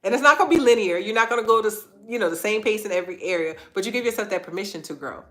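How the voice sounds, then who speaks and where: A woman hosts an inspirational faith-based livestream, speaking rapid-fire with a bright, forceful, animated medium-pitched voice. She's earnest, repeats phrases for emphasis, and sounds stuffy and congested.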